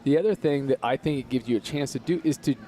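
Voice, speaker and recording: Earnest man with a mellow, low-key voice. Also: a little hiss or hum. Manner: earnest, motivational, slows down to stress points. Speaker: podcast guest. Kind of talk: casual conversation.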